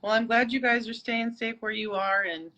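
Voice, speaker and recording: A woman's voice: a little high, fairly even intonation, moderate pace, sharp tone, rough recording. A woman co-hosting a casual live-stream chat, friendly and laughing often. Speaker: co-host.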